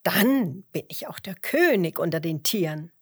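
A woman's voice: fairly low pitch, animated, unhurried, breathy edge, dry recording, studio quality. A woman voicing a vain, cheeky male fox who brags about his cleverness in a children's story. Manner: cheeky, smug.

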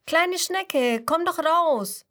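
A woman voicing a friendly female bee in a children's story, gently coaxing. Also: extremely high pitch, lively intonation, drawn-out words, voice pushed up, exaggerated voice.

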